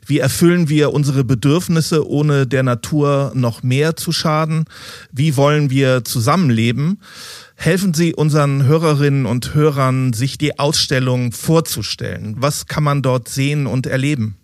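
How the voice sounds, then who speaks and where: A man's voice: medium pitch, moderate pace, no echo. Composed male interviewer, dry sound. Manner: composed, scripted phrasing. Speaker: podcast interviewer. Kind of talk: reading prepared interview questions.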